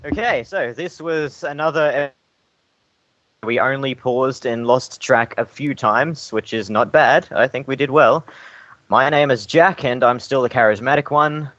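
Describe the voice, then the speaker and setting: A man's voice: mid-range voice, a little slow, a bit bright, no echo. Aussie podcast guy, cocky and crude, dry muffled recording. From Australia. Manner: boastful, crude joking. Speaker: podcast co-host. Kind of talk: casual banter.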